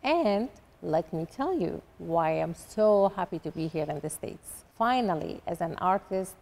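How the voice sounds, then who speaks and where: A woman from Iraq with an Iraqi Arabic accent, an artist answering interview questions in slow, deliberate phrases. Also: lowish voice, expressive, vocal fry, darkish tone. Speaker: artist guest.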